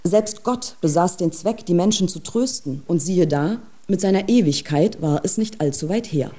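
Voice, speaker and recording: A woman's voice: on the low side, animated, moderate pace, warm tone, natural voice. Mia, a woman playing a brooding scientist. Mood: pensive. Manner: pensive, philosophical monologue. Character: brooding adult woman scientist, grieving an absent lover. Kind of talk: radio drama.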